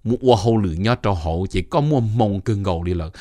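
A middle-aged man hosting a casual informational talk, animated and mixing in English terms. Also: fairly low pitch, fast, no echo, studio quality. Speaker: host giving advice.

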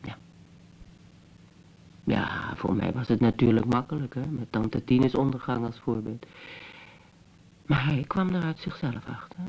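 Gravelly wry brother, slow and mocking. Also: male voice, mid-range voice, darkish tone, low-quality recording. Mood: musing. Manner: slow, mocking, musing monologue. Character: wry, bitter adult brother, teasing yet tender. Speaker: brother reminiscing to his sister. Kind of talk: 1970s Dutch radio drama acting.

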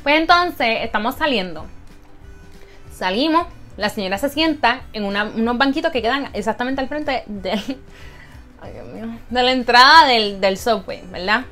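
A young woman, telling a story to camera as a vlogger in an animated, dramatic way and mixing in English words. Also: a little high, normal speed, soft background music.

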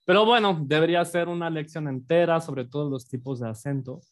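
A man's voice: on the high side, brisk. A French man with a French accent teaching a language lesson in a playful, self-deprecating way, explaining with examples.

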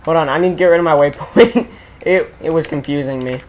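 Excitable young man gaming at home. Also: a little high, a little fast, highs cut off, slight background noise. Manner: excitable, bursts into loud laughter and shouts. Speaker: gamer recording co-op play. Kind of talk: casual gaming chat.

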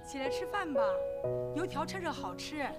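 A fussing middle-aged mother, high and lively in her concern. Loud music plays underneath. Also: moderate pace. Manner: fussing and caring. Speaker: mother in a family drama. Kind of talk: TV drama acting. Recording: drama scene with loud music.

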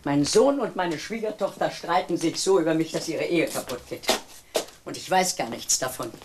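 An older mother who exclaims and protests when she is hurt. Her voice sits low. Steady hiss runs under the dialogue of an old TV recording. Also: normal speed. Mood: indignant. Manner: indignant, exclamatory. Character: older divorced mother visiting her son, flustered and proud. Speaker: visiting mother. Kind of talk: TV drama acting.

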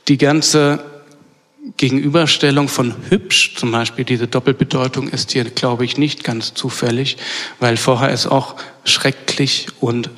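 A man delivers an academic lecture at an ordinary middle pitch. He speaks in a measured way, pausing on fillers and correcting himself mid-phrase. A long reverb of a lecture hall follows every word. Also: steady tone, fairly bright tone. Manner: measured, with frequent hesitation fillers and self-corrections.

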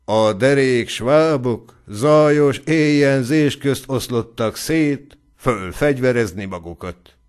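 A man's voice: medium pitch, clear, resonant tone. A man reading a story aloud as an audiobook narrator, in a scripted narration.

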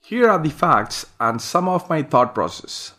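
A man's voice: on the high side, sing-song, measured pace, pushed and bright. A man from India presenting farming slides, reading them aloud and adding his own remarks with some hesitation. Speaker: farm owner presenting slides.

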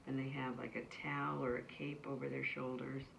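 A woman's voice: a bass voice, little pitch movement, vocal fry, a bit bright. A woman who teaches nursery school, reading a picture book aloud to children and stopping to chat casually about the pictures. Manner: pauses to describe the pictures in a casual, chatty way. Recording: distant mic, faint background noise.

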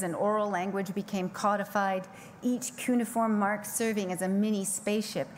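A middle-aged woman giving a scripted keynote speech from a podium on a large conference stage, with a measured, poetic delivery and slow emphatic pauses. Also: medium pitch, a little hiss or hum. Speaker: keynote speaker. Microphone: podium microphone.

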